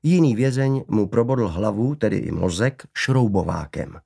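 A man reading an audiobook in a measured, steady narrating voice. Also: fairly low pitch, vocal fry, husky.

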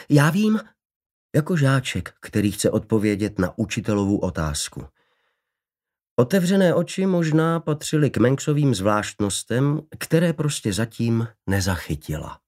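A male narrator reads a dark novel at a measured, steady pace. His voice sits in an ordinary middle pitch and carries the story evenly. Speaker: audiobook narrator. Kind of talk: scripted audiobook narration.

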